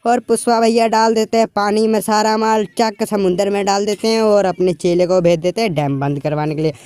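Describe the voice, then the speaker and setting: A man's voice: high voice, steady tone, fairly quick, darkish tone, clean tone, no room sound. A man casually retelling a film's plot, quoting the characters' lines in plain colloquial speech. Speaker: movie recap YouTuber.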